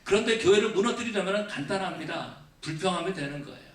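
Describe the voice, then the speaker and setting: A male pastor preaching a Thanksgiving sermon. He questions the congregation again and again and moves between raised emphasis and quiet, low asides. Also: animated, fast talker. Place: church sanctuary. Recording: echoey church from far off.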